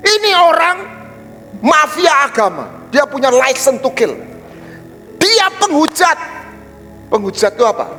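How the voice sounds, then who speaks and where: An animated male pastor with an East Javanese Indonesian accent preaches in a very high, lively voice. He drops into low asides and then bursts into loud, high exclamations. His voice rings through a large church hall with a long reverb, and soft music plays underneath. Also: unhurried, pauses often. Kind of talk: sermon.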